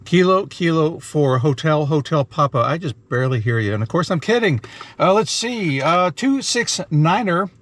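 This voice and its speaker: Recorded in a car, a man casually narrates as an amateur radio operator, moving between explanation and contest calls whose call signs and numbers he spells out phonetically. His voice sits on the high side and is a bit bright, with lively intonation and a moderate pace. There's slight background noise.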